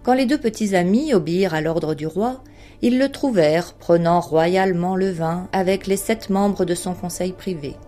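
A woman with a fairly low voice narrates a classic tale at a measured pace. Her storytelling is expressive and steady, and faint music plays softly in the background. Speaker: audiobook narrator. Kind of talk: literary audiobook narration.

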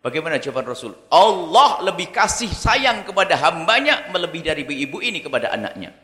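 A male preacher delivers a lively sermon, his pitch swinging widely as he peppers the crowd with questions. His voice sits high and bright. The recording carries a long hall reverb. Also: fairly quick. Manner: animated, rhetorical questions to the audience.

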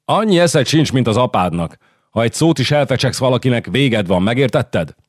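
A man's voice: lively intonation, no room sound, studio quality, close to an everyday voice. A male narrator voicing a proud, furious queen who shrieks and scolds, in an audiobook. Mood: scornful. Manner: shrill, hissing, scolding.

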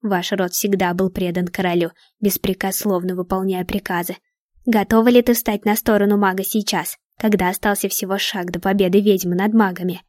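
Brief: cruel dark witch, mocking and hissing, read by a woman, dry close sound. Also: mid-range voice, flat delivery, brisk, dry recording, natural voice. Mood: cold. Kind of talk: storybook reading.

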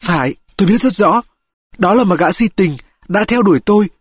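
A bitter older mother, fierce and indignant, as a man puts her on in a raised voice. She speaks with sharp resentment in an audiobook reading. The sound is dry and close. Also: high voice, animated, fairly quick, husky, no echo, pitched above the performer's own voice.

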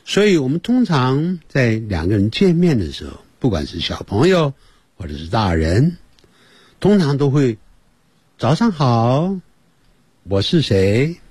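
Brief: husky-voiced male teacher, very animated delivery, dry close sound, patient repetition. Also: medium pitch, no echo. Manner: slow, drawn-out demonstration with many repetitions. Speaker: English teacher. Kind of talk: beginner language lesson for children and parents.

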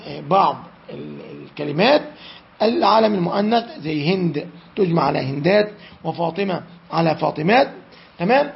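A man teaching an Arabic grammar lesson, repeating key phrases and asking and answering his own questions. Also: high-pitched. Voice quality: gravelly. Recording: dull lo-fi recording.

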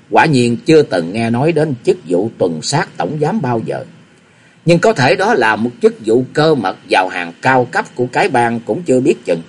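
Husky male storyteller. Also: mid-range voice. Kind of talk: audiobook narration of a wuxia novel.

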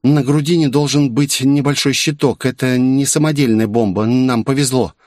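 A man voicing a young, anxious female AI assistant in an audiobook, with a brisk, eager way of reporting. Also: mid-range voice, fairly even intonation, darkish tone, dry recording, studio quality, pitched above the performer's own voice, close to an everyday voice. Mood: urgent. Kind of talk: audiobook character voice.

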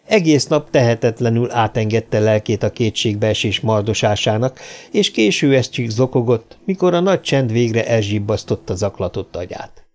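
A man reading an audiobook in a steady, measured storytelling manner. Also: mid-range voice. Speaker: audiobook narrator. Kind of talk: scripted narration.

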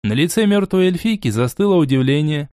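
A man reading an audiobook as narrator in a steady, even storytelling manner. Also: a little high, a little fast, dry recording, clean studio sound. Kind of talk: scripted narration.

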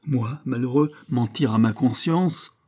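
Guy doing a raging old priest teacher, loud and booming, dark voice, audiobook. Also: measured pace, natural voice. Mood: scornful. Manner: loud, shouting scolds, heavy emphasis. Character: furious old priest schoolmaster, booming, scolding.

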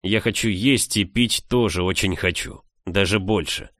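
A man narrating a first-person audiobook in a calm, even reading manner. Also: low voice, moderate pace, no room sound, studio quality. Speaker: audiobook reader.

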